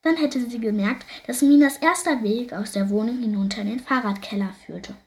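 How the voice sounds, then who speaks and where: A woman with a fairly high voice reads a children's story aloud, lively and expressive. She narrates at an even storyteller's pace. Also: brisk.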